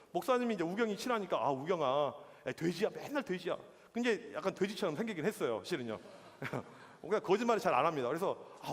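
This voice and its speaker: A youth pastor in his forties preaches in a quick, bouncing voice that sits high for a man and swings widely in pitch. He acts out the dialogue in his stories and laughs often. The sound carries a long reverb from the church hall. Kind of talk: youth sermon with comic stories.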